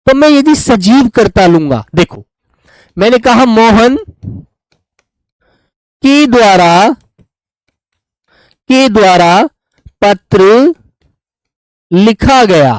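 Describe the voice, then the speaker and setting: High-voiced grammar teacher. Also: male voice, expressive, drawn-out words, long pauses, no echo, low-quality recording. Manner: patient, repeats examples and addresses students as beta. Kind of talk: classroom lesson.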